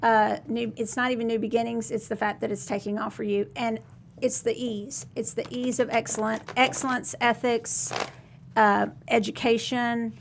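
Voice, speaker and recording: A woman co-hosting a casual live chat and giving tarot readings, talking in quick restarts and laughing easily. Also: on the high side, level tone, vocal fry, slight background noise. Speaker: co-host and tarot reader.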